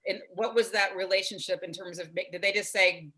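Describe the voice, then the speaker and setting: A woman's voice: mid-range voice, fairly even intonation, brisk, pushed and bright. A woman moderating a festival panel, asking long, winding questions.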